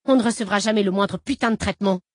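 A woman reading an audiobook voices a defiant, swearing teenage boy who shouts back at a captor. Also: a little high, quick pace, breathy edge, dry recording, studio quality, pitched above the performer's own voice. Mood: furious.

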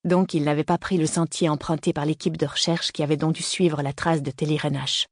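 A man narrating a thriller audiobook in a steady, measured reading voice. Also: a little high, no echo, clean studio sound. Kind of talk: scripted narration.

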